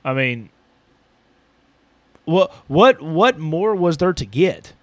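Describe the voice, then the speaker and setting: A man's voice: a little high, very animated, slow, dry recording. A man hosting a casual podcast chat who talks hesitantly, stumbling and repeating his words as he questions his co-host, recorded in a small building.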